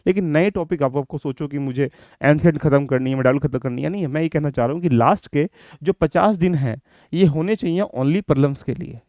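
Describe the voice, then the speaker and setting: A man's voice: fairly high pitch, creaky, warm tone, no room sound. A man giving a direct, instructive lecture on exam strategy to his students. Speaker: exam coaching teacher.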